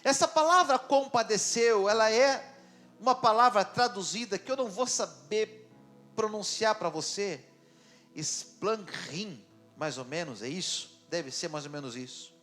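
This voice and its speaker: Male pastor, very high voice, dramatic conversational sermon. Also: unhurried, fairly bright tone, faint music behind. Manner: dramatic, conversational, with questions to the congregation. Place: church.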